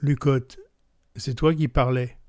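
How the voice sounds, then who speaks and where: A man reading the lines of a stern, gray-haired male stranger from a storybook in a grave, measured voice. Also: mid-range voice, fairly even intonation, darkish tone, dry recording, studio quality, natural voice.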